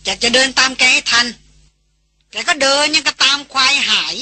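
A woman's voice: high-pitched, expressive, moderate pace, pushed and bright, no echo, pitched above the performer's own voice, heavily acted. A woman reading an audiobook voices a hot-tempered man who grumbles bluntly about a trek companion. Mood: irritated.

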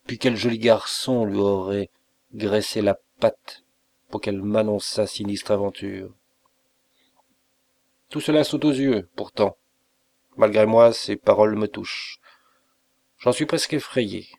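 A man's voice: lowish voice, a little mellow, dry recording, lightly acted. A man reading aloud as a young nobleman, a count who teases and banters but turns uneasy, in a storybook reading.

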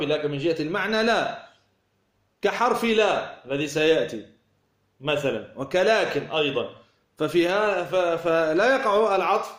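Male grammar teacher with a slightly high voice, lecturing through examples in a roomy, echoing space. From Tunisia. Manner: explains with worked examples and rhetorical questions. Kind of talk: classroom lecture. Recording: echoey room.

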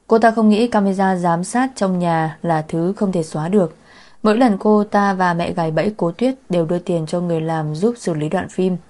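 A woman narrating a novel in a steady, measured storytelling manner. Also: lowish voice. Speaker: audiobook narrator. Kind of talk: scripted narration.

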